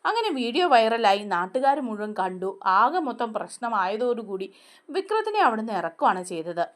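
A woman hosting a chatty recap of a TV serial episode, telling the story in an animated way with frequent conversational tag questions. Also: a little high, fairly quick.

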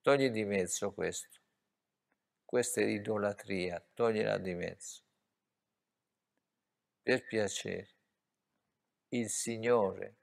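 A man preaching a sermon, dropping to quiet asides and rising to loud exclamations while coaching his listeners through a Bible reading. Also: on the low side, takes it slowly, creaky, long pauses.

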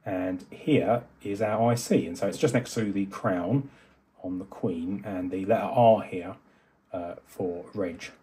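The host of this electronics video speaks in a low, mellow voice, a touch slow, as he demonstrates something at his desk indoors beside a microscope and a monitor. He thinks out loud, filling gaps and correcting himself along the way.

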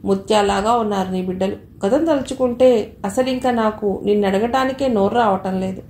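A woman's voice: mid-range voice, fairly quick, mellow, slight background noise, natural voice. A woman voicing a childless elder sister who speaks wistfully and gratefully, in a storybook reading. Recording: echoey room, faint ambience.

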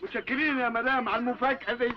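An actor with an Egyptian Arabic accent playing an indignant, exclaiming groom, in a muffled old film soundtrack with music. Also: male voice, extremely high pitch, level tone, racing.

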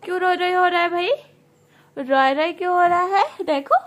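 A young woman talking to her baby son in loud, high, sing-song baby talk. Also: steady tone, normal speed. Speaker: mother.

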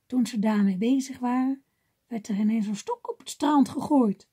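A woman reading a children's fairy tale aloud gently, often dropping to a whisper. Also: on the high side, moderate pace, breathy edge. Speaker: storybook reader.

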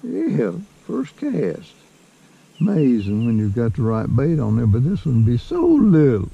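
A man giving slow, folksy commentary while fishing from a small boat, recorded on an action camera. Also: medium pitch, huge pitch swings, gravelly, warm tone, slightly rough, highs cut off. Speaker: fishing vlogger. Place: small boat on a lake, outdoors. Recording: faint outdoor lake ambience.

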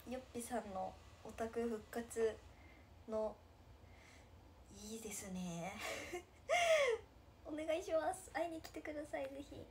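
Against a noisy background, a high-ish female voice chats casually on a livestream. She's an idol in her twenties from Nagasaki, Japan, speaking her local dialect as she reads viewer comments, bubbly and full of giggles.

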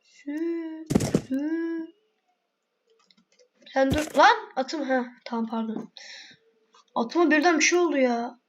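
A woman's voice: sits high, normal speed. A woman giving casual gameplay commentary, chatting to herself and her viewers with sudden exasperated outbursts, in a noisy home recording. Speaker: gaming video creator.

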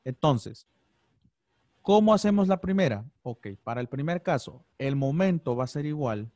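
A man's voice: a little high, animated, normal speed, mellow, no echo. A man teaching an online class, explaining step by step and often checking in with "ok?". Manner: patient, checks understanding with frequent "ok?". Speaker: physics teacher. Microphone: video call.

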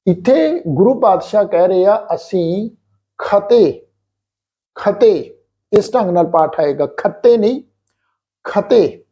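A man from Punjab teaching scripture pronunciation in a patient, slow lesson, repeating each word carefully. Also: high-pitched, a little mellow. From Punjab, India. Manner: patient, repeats words slowly and deliberately. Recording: slightly dull lo-fi recording.

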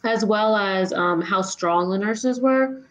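A young adult woman from Maryland, relaxed and full of fillers, sharing her first trip abroad in a video call interview. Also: medium pitch, takes it slowly, faint music behind, rough recording. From Maryland, United States.

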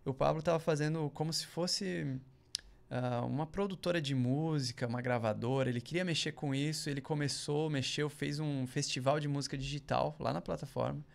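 A man's voice: fairly high pitch, steady tone, normal speed, creaky. A man, a podcast guest, telling a long casual story in a slangy, rambling way and acting out other people's lines in a raised voice. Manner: slangy, rambling storyteller full of "cara" and "velho" asides.

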